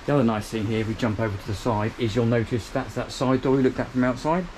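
Filming on a handheld camera, a boat reviewer gives an upbeat walkthrough of a small motor boat's cabin, chatting and pointing out features as he moves. His medium-pitched voice is a little mellow, fairly even in intonation and quick, with slight background noise.

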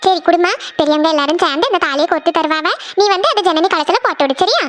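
A woman's voice: very high-pitched, fast talker, fairly bright tone, soft background music. A woman voicing a kind middle-aged mother-in-law in a cartoon, motherly and comforting. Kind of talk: cartoon voice acting.

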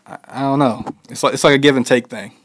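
A young man talks through an interview in an easygoing, unhurried way. His answers wander and loop back, padded with "you know" and "like". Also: mid-range voice, fairly bright tone. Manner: laid-back, heavy with fillers like "you know". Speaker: interview guest, musician. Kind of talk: casual interview conversation.

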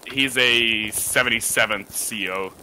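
Male gamer, very bright tense tone, casual voice-chat delivery, slightly noisy line. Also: mid-range voice, measured pace. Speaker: game server staff player. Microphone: gaming voice chat mic. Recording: faintly noisy game voice chat.

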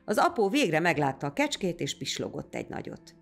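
Woman reading a folk tale, low gravelly voice, lively. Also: faint music behind. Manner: lively, expressive storytelling. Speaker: narrator. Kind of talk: storybook folk tale narration.

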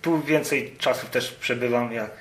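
A man's voice: mid-range voice, fairly even intonation, moderate pace. A man being interviewed as a guest, answering modestly in short, guarded replies and keeping some things to himself. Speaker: guest, amateur football goalkeeper. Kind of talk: casual interview. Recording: roomy sound with faint noise.

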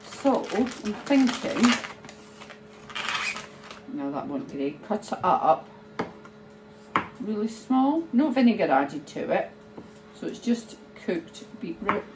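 A middle-aged woman, chatting slowly and thinking aloud as she preps food in her home kitchen. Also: mid-range voice, big pitch swings. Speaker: cooking vlogger. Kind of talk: casual cooking chat. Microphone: phone camera held nearby. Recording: noisy home kitchen ambience.

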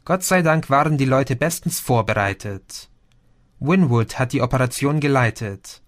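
A man voicing a calm young man who reports events in a matter-of-fact way. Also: mid-range voice, normal speed, natural voice.

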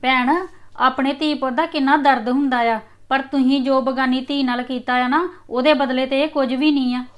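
A woman's voice: high voice, steady tone, moderate pace, natural voice. An actress playing a visiting woman who needles her host with taunts.

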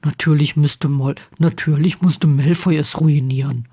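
A woman's voice: low-pitched, fairly even intonation, unhurried, mellow, slightly rough, voice pushed down. A woman doing Ron, a blunt teenage boy. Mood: irritated. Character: teenage boy wizard friend, blunt and stubborn.

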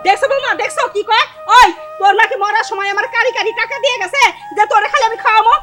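A woman playing a quick-tempered stepmother and mother-in-law who nags and shouts at her household. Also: music in the background. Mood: scolding. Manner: shrill, scolding, nagging. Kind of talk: village comedy drama acting.

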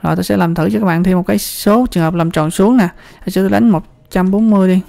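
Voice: medium pitch, quick pace, creaky, dark tone, no room sound. An instructor with a Southern Vietnamese accent talks through a spreadsheet tutorial in a chatty way, repeating words and often checking in with the viewer. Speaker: computer skills instructor. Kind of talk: screen-recorded spreadsheet tutorial.

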